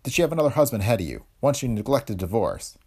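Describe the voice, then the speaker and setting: A man voicing a hard-boiled, wisecracking male private detective, in a gravelly, husky voice. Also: medium pitch, sing-song, rapid-fire, a little mellow. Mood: terse.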